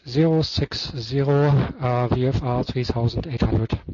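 A man's voice: medium pitch, measured pace, mellow, dry recording. A man, a private pilot, giving clipped, routine readbacks to air traffic control over a headset radio transmission. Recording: lo-fi noisy aircraft radio.

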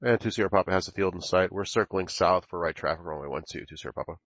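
A man flying a simulated plane, reading back clearances in clipped radio phraseology through a cockpit headset, with frequent hesitations. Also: sits low, fast, a bit bright, dry recording. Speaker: pilot flying a flight simulator on an online air traffic network. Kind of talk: radio calls to air traffic control. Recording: muffled lo-fi radio audio.

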